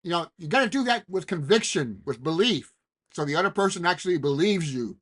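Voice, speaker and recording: A man's voice: sits high, expressive, fairly quick, fairly bright tone. A man hosting his own video, talking in a casual, rambling, digressive way that is full of "you know" and restarted phrases. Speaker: channel host. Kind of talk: casual talking-head vlog.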